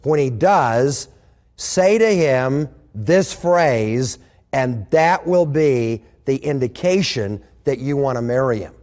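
A man's voice: medium pitch, lively intonation, slow pace, a little mellow, big-room sound. A man voicing Naomi, an older woman coaxing her widowed daughter-in-law, with a chatty, folksy manner.

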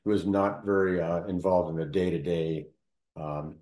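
A man in casual conversation, telling local history at length, halting often with fillers and restarts. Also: sits low, fairly even intonation, a little mellow, echoey room.

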